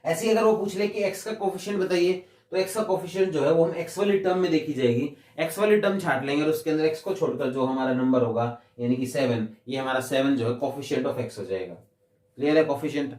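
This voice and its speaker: A man's voice: on the high side, darkish tone. A man explaining a maths lesson, patiently repeating each definition and asking himself questions before he answers them. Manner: slows down to read English definitions word by word. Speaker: maths teacher. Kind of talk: classroom explanation. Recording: echoey room, mic at a distance.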